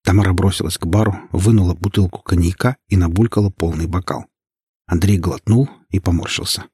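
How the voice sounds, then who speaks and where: A man narrating an audiobook in the first person, steady and measured. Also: low voice, husky, no echo, studio quality.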